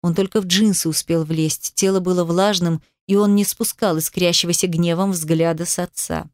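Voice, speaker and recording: A woman's voice: on the low side, fairly even intonation, moderate pace, no room sound, studio quality. A woman narrating a first-person audiobook with an emotive, dramatic reading.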